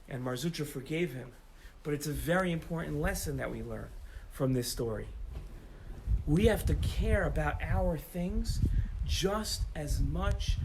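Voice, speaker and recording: A man telling a story to children with animated, emphatic delivery, outdoors in the rain. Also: a little high, a little hiss or hum, rough recording.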